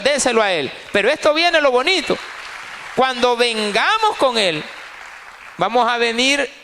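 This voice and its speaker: A man's voice: high voice, sharp tone. A man preaching a sermon as pastor, emphatic and repeating key phrases. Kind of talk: sermon at a Bible study. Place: church. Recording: reverberant church hall.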